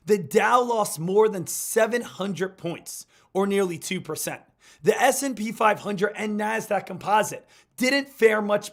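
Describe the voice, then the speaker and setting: A man with a hoarse smoker's rasp, getting over an illness, hosting a high-energy live stream about stock trading. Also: fairly bright tone. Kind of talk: hyped live stream market commentary.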